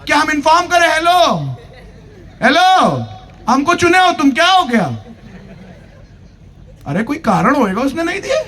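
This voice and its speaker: A man's voice: extremely high pitch, animated, moderate pace, pauses often, sharp tone. A man preaching at a church convention, telling a humorous personal story, acting out the dialogue and urging the congregation to clap. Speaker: pastor. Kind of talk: sermon.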